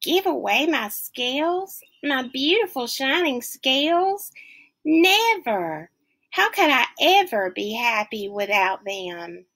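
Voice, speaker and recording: Storybook vain fish boy, haughty and a bit high, read by a woman. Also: big pitch swings, unhurried, few pauses, sharp tone, slightly rough, heavily acted. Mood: defiant. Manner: haughty, then pleading. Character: proud vain male fish, lonely.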